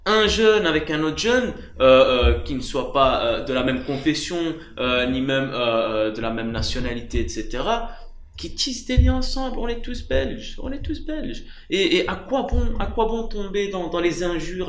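Emphatic young man, roomy studio. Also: a little high. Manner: emphatic, repetitive, many fillers. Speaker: political candidate. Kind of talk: political interview answer. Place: small TV studio. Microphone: desk microphone. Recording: roomy studio with faint hiss.

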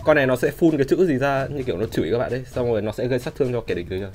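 Rapid-fire and mid-pitched, this gaming host talks his way through game pulls in a relaxed manner until a good result sets him shouting with loud surprise. A faint hiss or hum sits under the audio.

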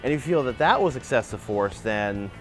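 A man's voice: medium pitch, a little fast, loud music behind the voice. A man in his forties, a martial arts channel host, gives opinionated commentary outdoors in a backyard on a lapel mic, talking animatedly. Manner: animated, gestures a lot while arguing a point. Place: outdoor backyard by a wooden fence.

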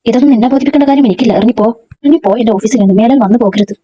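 A woman's voice: a little high, rapid-fire, warm tone, husky, no room sound, muffled recording. A woman reading the lines of a curt, dismissive young man in a storybook. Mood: angry.

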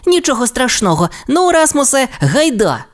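A man voicing an excitable young boy troodon dinosaur in a children's audio tale, talking in eager exclamations. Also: very high voice, normal speed, voice pushed up. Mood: excited.

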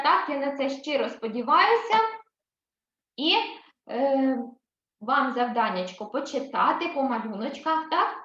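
Slow, lively-voiced woman teacher. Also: high voice, reverberant, highs cut off. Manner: slow, clear and repetitive, addressing children. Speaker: primary school teacher. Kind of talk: recorded online reading lesson for young children.

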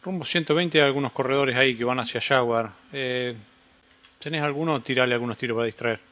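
A man's voice: medium pitch, fairly quick, sharp tone. A man with a Rioplatense accent giving clipped, terse tactical radio calls as squad leader, heard through a gamer headset mic over in-game radio. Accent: Rioplatense Spanish. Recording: dull lo-fi headset mic with faint hiss.

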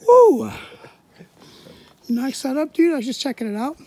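A woman's voice: sits high, fast, mellow, breathy edge. Upbeat woman vlogging at a snowy camp. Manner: upbeat, chatty, laughs easily. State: a little out of breath at times. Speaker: vlogger, host of the hiking channel. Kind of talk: casual outdoor vlog chat. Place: outdoors at a snowy winter campsite.

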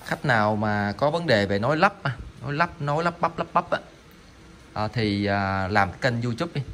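A man's voice: medium pitch, expressive, normal speed, a bit bright. Man, medium voice, casual seller, rambling, stammers and restarts often, light noise behind. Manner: rambling, stammering, lots of fillers. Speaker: online seller of salvage electronics. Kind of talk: casual sales talk while demonstrating parts.

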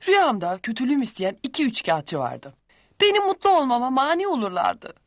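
A woman's voice: high voice, big pitch swings, fairly quick, no echo, clean studio sound. A young woman playing a sly, playful daughter in a television sitcom, theatrical and exclamatory. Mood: feigned innocence. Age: young adult.

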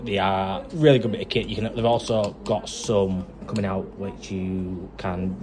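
Chatty plumber vlogging. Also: male voice, sits low, steady tone, normal speed, crowd noise. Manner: chatty, practical, explains step by step. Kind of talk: casual vlog narration. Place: factory floor, then a house kitchen.

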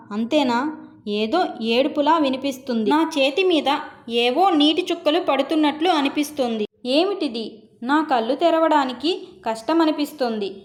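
A woman reading a first-person story aloud in a measured, sorrowful way. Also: high-pitched. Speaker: story narrator.

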